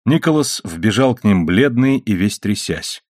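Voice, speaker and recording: A man reading an adventure novel aloud as an audiobook narrator, in steady storytelling. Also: lowish voice, a little slow, no echo, studio quality.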